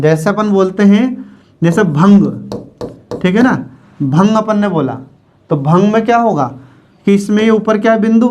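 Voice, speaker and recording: A high-pitched man gives an exam-prep grammar lecture. He talks in a plain, patient way, goes over each point more than once, and poses questions that he then answers himself. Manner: repetitive, asks the class questions and answers them himself. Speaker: teacher.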